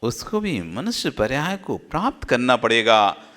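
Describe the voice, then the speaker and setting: A man giving a Jain sermon, repeating phrases and swinging from loud exhortation to hushed low asides. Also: very animated, measured pace. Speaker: Jain monk preacher. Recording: long reverb of a hall.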